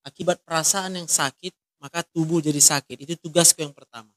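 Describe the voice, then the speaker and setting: Man, high voice, dry close sound, a counselor who presses with blunt questions. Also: steady tone, a little fast, fairly bright tone, dry recording. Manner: direct, asks many short probing questions. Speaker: counselor in a ministry. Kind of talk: one-on-one counseling talk.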